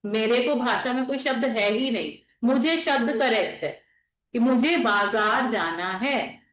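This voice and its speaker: A woman's voice: on the high side, measured pace, fairly bright tone. A woman teacher giving a classroom lecture, explaining patiently and checking in with her students often. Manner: explains patiently, repeats and checks with "theek hai". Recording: echoey classroom.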